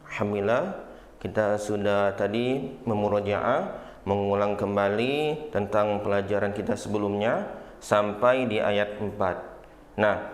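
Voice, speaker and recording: A man teaching Quran recitation to schoolchildren, patiently explaining each step and calling himself Ustadz. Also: on the low side. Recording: roomy echo.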